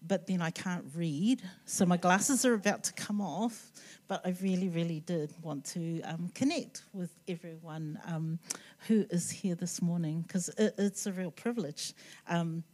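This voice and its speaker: A woman's voice: lowish voice, a little slow, a little mellow. A woman with a Māori-influenced New Zealand accent giving an informal sermon, hesitant and conversational with self-deprecating asides. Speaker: guest preacher.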